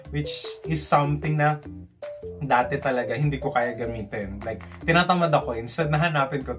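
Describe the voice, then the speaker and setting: A young man with a Filipino accent telling a story casually in a vlog, in an animated way, acting out bits of dialogue. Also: mid-range voice. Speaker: vlogger recounting call center training. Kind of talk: casual storytelling vlog, mixing Tagalog and English.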